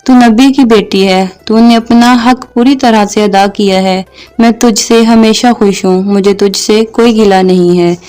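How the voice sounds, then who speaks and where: A woman's voice: medium pitch, fairly even intonation, dark tone, soft background music, lightly acted, rough recording. A woman voicing a grieving husband. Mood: grieving, pleading. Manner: sorrowful pleading. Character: grieving devoted husband, man.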